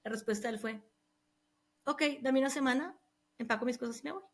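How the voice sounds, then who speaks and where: A woman's voice: a little high, a little fast. Earnest woman telling her story. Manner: earnest, recounting with quoted dialogue. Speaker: guest telling her testimony. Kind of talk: emotional personal testimony.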